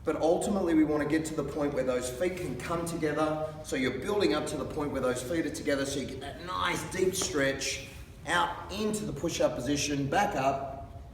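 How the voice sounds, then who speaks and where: Male fitness coach, careful and unhurried, encouraging instructional delivery, recorded from a distance in a noisy, reverberant hall. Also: on the high side. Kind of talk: instructional exercise demonstration with coaching cues. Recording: distant mic, reverberant hall, background noise.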